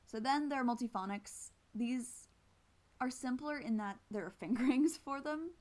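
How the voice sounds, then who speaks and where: A woman with missing teeth teaches flute informally, demonstrating along the way, in a casual, self-deprecating manner that turns hesitant when she explains. She speaks at normal speed in a high, slightly mellow voice.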